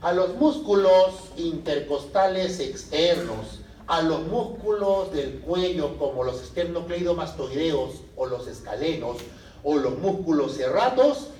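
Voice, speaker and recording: Lively male lecturer, echoey classroom. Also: fairly high pitch, a little slow, a little hiss or hum. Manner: lively, asks the class questions and answers them himself. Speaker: medical lecturer. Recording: echoey room from a distance.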